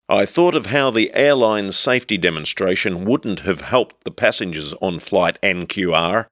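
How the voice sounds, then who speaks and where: Deep-ish male narrator, wisecracking noir comedy reading, faint music behind. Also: fairly bright tone, no echo. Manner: wisecracking hard-boiled first-person. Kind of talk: comic audiobook narration.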